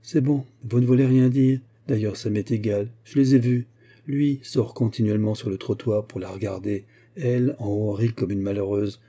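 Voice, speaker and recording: A man reading the lines of a frail, grieving young woman who pleads and despairs, in a husky, dark voice. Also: lowish voice, steady tone, moderate pace, lightly acted. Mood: pleading. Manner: pleading, broken, desperate.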